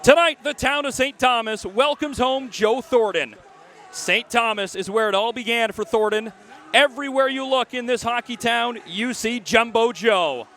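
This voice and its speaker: A man's voice: very high voice, moderate pace, a little hiss or hum. A man narrating a hockey recap and calling the play-by-play, building energy as the action heats up. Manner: energetic, rising for goals.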